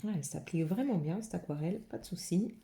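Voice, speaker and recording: Chatty French woman, low mellow voice. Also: quick pace, creaky. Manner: chatty, thinking aloud with many fillers. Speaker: watercolour channel host. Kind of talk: casual art demo narration.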